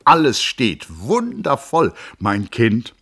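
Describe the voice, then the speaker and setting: A man voicing a grand, commanding old man who speaks in solemn, emphatic, halting phrases that break off midway, in a literary audiobook reading. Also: deep voice, animated, pushed and bright, exaggerated voice.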